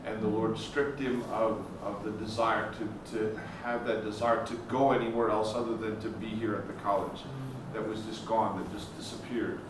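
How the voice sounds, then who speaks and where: Man, low flat voice, earnest reflective talk, far from the mic, heavy echo. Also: moderate pace, few pauses. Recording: distant, very echoey, with clear background noise.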